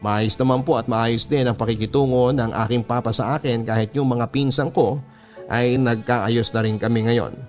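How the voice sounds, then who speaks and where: A man with a Filipino accent and a medium-pitched, slightly mellow voice speaks at a normal speed in a steady tone. As host and narrator of a radio story show, he reads listener letters with background music playing under his voice.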